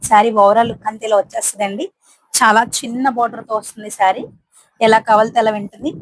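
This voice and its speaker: A woman's voice: medium pitch, no echo, rough recording. A woman showing off sarees to her viewers in a chatty, repetitive selling patter, recorded on a phone. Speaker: saree seller. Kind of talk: casual product showcase.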